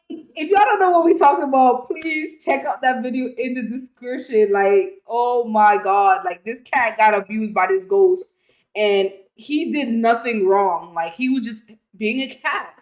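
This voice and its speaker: A woman's voice: a little high, a little slow, darkish tone. A woman hosting a reaction video in casual chat, talking loosely with slang and frequent laughter. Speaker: reaction channel host.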